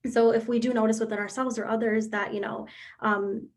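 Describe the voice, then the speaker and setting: A woman presents mental health information in an earnest, measured way, leaning on "you know" and small restarts as she explains. Her pitch stays flat and even, with little rise or fall. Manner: earnest, repetitive, lots of "you know" fillers. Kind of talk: informational talk on a live video chat.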